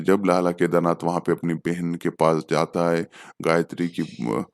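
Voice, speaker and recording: A man with a low, smooth voice talks through a film's story in a relaxed, off-the-cuff recap. He keeps a steady, level tone, pausing on fillers and correcting himself as he goes, recorded close and dry. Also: no echo. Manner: unscripted, with hesitant fillers and self-corrections. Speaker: film reviewer. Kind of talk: casual film plot recap.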